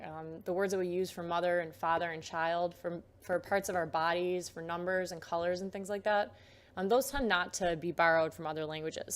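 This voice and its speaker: A young woman giving a recorded lecture, explaining terms patiently with frequent filler words. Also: lowish voice.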